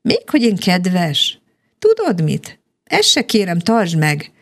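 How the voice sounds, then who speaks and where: Lady reading as a cranky lonely storybook dragon, low and gravelly, snappy. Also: huge pitch swings. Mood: angry. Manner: snapping, then tearful and grateful. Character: grumpy lonely male dragon, softening.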